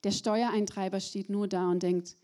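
A woman's voice: mid-range voice, normal speed. A young woman preaching a sermon, talking straight to her listeners and dropping to a whisper for emphasis. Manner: animated, addresses the audience directly, drops to whispers for emphasis.

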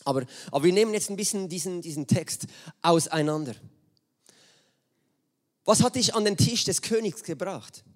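A man preaching a sermon, reading a Bible story aloud and telling it in a lively way. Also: sits high, normal speed, pauses often. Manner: lively storytelling, acts out quoted voices. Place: church hall with screen.

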